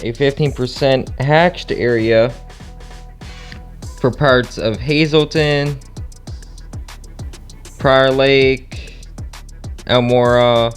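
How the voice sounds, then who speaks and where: A man's voice: mid-range voice, fairly even intonation, very slow, pauses often, faint music behind. A man giving casual play-by-play vlog commentary as a storm chaser, addressing his viewers directly and repeating short phrases. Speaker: storm chaser and video host.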